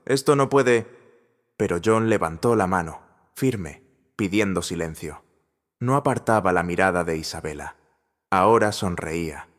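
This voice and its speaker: Low-voiced male story narrator. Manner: steady, dramatic storytelling. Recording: long reverb.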